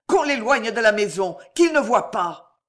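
A reader voicing an anguished male prosecutor who cries out high and loud in panic and murmurs low when stunned, in a storybook reading. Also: very animated, unhurried. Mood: frantic.

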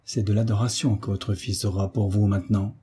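A man's voice: on the low side, flat delivery, brisk, warm tone, breathy edge. A man doing a grave hunchbacked marquis. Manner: grave, stern. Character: hunchbacked marquis, older man, stern yet tender.

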